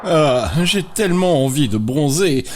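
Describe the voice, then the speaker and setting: A man's voice: fairly high pitch, animated, a little slow, loud music behind the voice. A man playing a lazy, self-satisfied demon villain with a languid, smug delivery in a children's skit.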